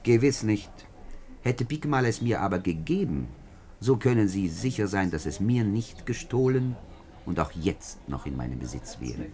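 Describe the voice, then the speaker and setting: A male actor with a lowish, warm voice portrays a self-important middle-aged French parliamentary deputy in a 1950s German radio play. His pompous, deliberate delivery is very animated, guarded yet emphatic.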